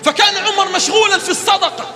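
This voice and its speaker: Brief: man preaching with fervor, very high and bright voice, shouts often, faint music under. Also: fast, long reverb tail. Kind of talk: impassioned sermon.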